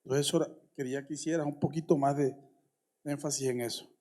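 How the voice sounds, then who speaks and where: A man from the Colombian Caribbean coast asking a long question from the floor at a conference, halting and restarting often. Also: mid-range voice, steady tone, dark tone. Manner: halting, with many restarts and fillers. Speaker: audience member asking a question.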